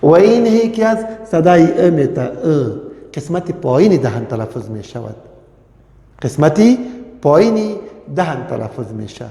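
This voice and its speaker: A male language teacher. He explains step by step and drills example words slowly and repeatedly. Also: on the high side, sing-song, creaky, dark tone. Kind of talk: recorded language lesson. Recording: echoey room with long reverb.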